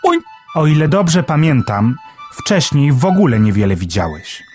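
A man voicing a dutiful, friendly male butterfly postman in a children's storybook reading, brisk and helpful. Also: medium pitch, very animated, darkish tone, soft background music, pitched above the performer's own voice, lightly acted.

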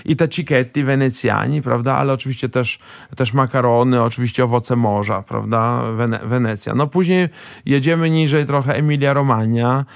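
A man chatting as a guest expert in a rambling way, often pausing with fillers and tagging questions onto his sentences. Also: medium pitch, fairly even intonation, gravelly, no room sound, studio quality. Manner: frequent hesitant fillers and restarts. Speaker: guest expert on Italian food. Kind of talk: casual chat.

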